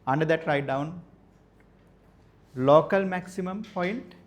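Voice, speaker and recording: A male maths teacher, dictating lecture notes slowly and repeating each phrase so students can write it down. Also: fairly high pitch. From Sri Lanka. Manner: repeats phrases slowly for note-taking, spells words out.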